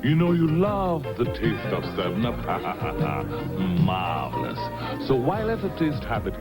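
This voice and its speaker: A man playing a suave, theatrical pitchman who savours his words in a vintage soft drink commercial. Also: wildly swooping pitch, takes it slowly. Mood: amused, suave. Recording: old broadcast ad with loud music.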